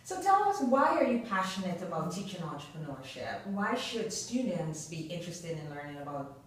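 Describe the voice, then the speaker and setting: A woman's voice: on the low side, sing-song, normal speed. A woman hosting an interview, upbeat and encouraging as she introduces her guest and asks questions. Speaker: interview host. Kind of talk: hosted interview. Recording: echoey room, distant mic.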